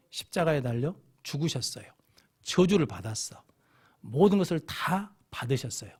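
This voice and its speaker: A man's voice: mid-range voice, darkish tone, husky. A middle-aged man with a Jeolla accent, a pastor telling stories in a sermon and putting questions to his congregation. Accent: Jeolla Korean. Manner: storytelling preacher who keeps asking the congregation questions. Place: church sanctuary.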